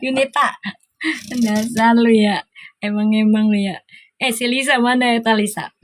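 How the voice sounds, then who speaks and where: Middle-aged female live-stream host, Sundanese-flavored Jakarta accent, high voice, teasing banter. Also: fairly even intonation, measured pace. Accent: Sundanese-flavored Jakarta Indonesian. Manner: teasing, laughing, playful banter. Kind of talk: casual live-stream chat with viewers.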